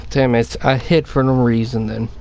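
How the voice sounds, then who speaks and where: A man's voice: medium pitch, steady tone, normal speed, gravelly, a little mellow, a little hiss or hum. A man commenting casually on a horror game he is playing, talking nervously to himself and his viewers and repeating phrases. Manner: nervous, jittery self-talk, repeating himself and addressing viewers. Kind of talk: casual let's-play commentary.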